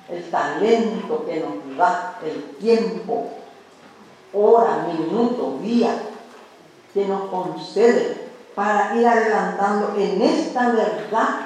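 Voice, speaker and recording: A man preaching a sermon to his congregation in an earnest, conversational way, often repeating his words. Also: high voice. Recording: very echoey room with faint noise.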